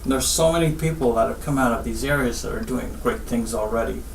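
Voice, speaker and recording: A man from Guyana, a spinal surgeon, giving measured advice in an interview and often repeating what he tells his patients. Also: mid-range voice, fairly even intonation, creaky, a little hiss or hum. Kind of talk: interview answers. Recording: roomy, distant mic with faint ambience.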